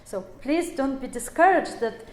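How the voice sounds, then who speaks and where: A woman's voice: high voice, animated, normal speed, darkish tone. A woman in her forties giving an explanatory lecture, speaking English as a with many fillers and self-corrections. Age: 40s. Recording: echoey room.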